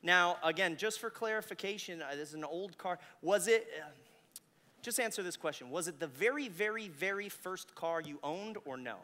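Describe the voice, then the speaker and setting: A man's voice: sits high, lively intonation, normal speed, bright, forceful tone. A man performing a live mind-reading stage show, intense and commanding as he gives instructions to audience members. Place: large hall with audience, on a microphone. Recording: echoey hall, long reverb on stage microphone.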